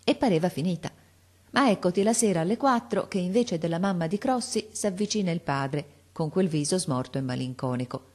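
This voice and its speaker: A woman reads a classic children's novel aloud with a calm, measured storytelling manner. Her voice is low for a woman and gentle throughout. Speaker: audiobook narrator.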